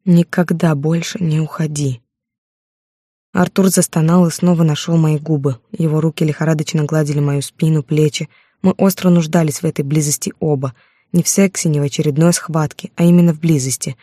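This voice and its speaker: Mellow woman reading an audiobook. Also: low-pitched, fairly even intonation, fairly quick, dry recording, studio quality. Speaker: audiobook narrator. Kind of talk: first-person romance narration.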